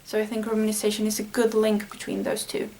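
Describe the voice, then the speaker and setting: Speaking quickly and in a monotone, a language-learning vlogger from Sweden explains language study in Swedish. Her medium-pitched voice is a touch mellow, and her casual, earnest vlog lesson is dotted with small fillers as she thinks aloud.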